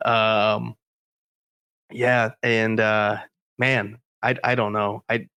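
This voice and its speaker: A man's voice: lowish voice, flat delivery, very slow, sharp tone, clear, resonant tone, no echo. A man hosting a podcast, talking casually in a hesitant, meandering way. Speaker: podcast host.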